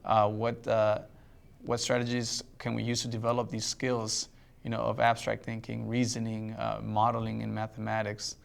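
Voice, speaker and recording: A man's voice: fairly low pitch, monotone, normal speed, creaky. A man from El Salvador whose first language is Spanish, speaking in an interview as a math teacher in a thoughtful way, with many fillers and restarts. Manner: reflective, with frequent fillers and restarts.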